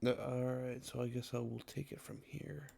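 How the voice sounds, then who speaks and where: A man at a tabletop game, speaking in a halting, hesitant way. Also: medium pitch, little pitch movement, creaky, a little mellow, breathy edge. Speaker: player. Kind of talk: casual tabletop game play.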